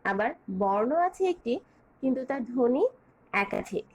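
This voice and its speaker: High-pitched woman teaching a lesson. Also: animated, poor audio. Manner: measured, clear, enumerating points and spelling out examples. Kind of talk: online grammar lesson.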